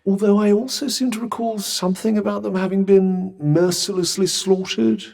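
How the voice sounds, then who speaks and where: A man's voice: high-pitched, steady tone, moderate pace, vocal fry, a little mellow. A British man voicing a haughty, disembodied magic cuff, a pompous, dry and sarcastic video game companion who speaks eloquently. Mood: wry, explanatory. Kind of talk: scripted video game voice lines.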